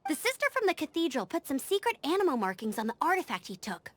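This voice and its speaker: A woman's voice: sits high, very animated, fast talker, fairly bright tone, dry recording. A woman voicing an eager young girl scout in video game dialogue, earnest and upbeat as she urges others on. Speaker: outrider.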